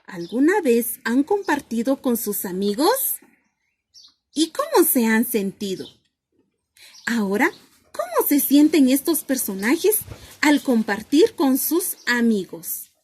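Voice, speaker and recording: A woman's voice: on the high side, darkish tone, husky. A woman reading a picture book aloud to children as a lesson, asking questions and then answering them herself.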